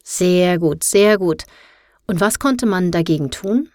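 A woman's voice: lowish voice, takes it slowly, darkish tone, no echo, clean studio sound. A woman reading aloud, voicing a smug, enthusiastic male teacher in a story. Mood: eager.

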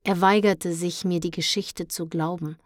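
A woman reading a children's story aloud in the first person, in a calm and measured way. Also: fairly low pitch, no room sound, studio quality. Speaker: audiobook reader.

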